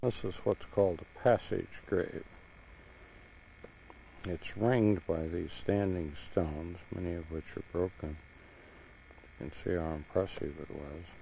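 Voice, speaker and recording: A man with a low, gravelly voice gives unhurried, plain commentary as he films the sights outdoors. The sound comes off an old VHS camcorder tape, with a steady layer of hiss under his words. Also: low-quality recording. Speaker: home video narrator. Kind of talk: casual travel narration. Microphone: camcorder mic.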